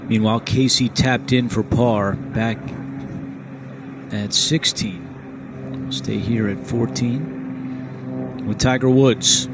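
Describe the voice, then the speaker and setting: A man's voice: medium pitch, takes it slowly, pauses often. A man working as lead golf commentator, calling live tournament play. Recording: steady outdoor background noise.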